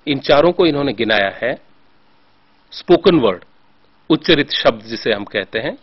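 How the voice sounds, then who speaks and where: A man hosting a studio discussion, speaking formally and in a measured way, with filler pauses. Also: medium pitch. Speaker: host. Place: television studio. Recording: dull lo-fi broadcast audio.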